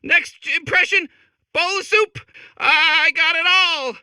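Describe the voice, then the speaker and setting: Speaking slowly at an extremely high pitch with a sharp tone, a man gives an exaggerated performance as a hacky comedian robot in a video game. Zany, desperate and manic, the character stumbles through showbiz patter and laughs at its own gags in seemingly improvised comic acting. The recording has no echo.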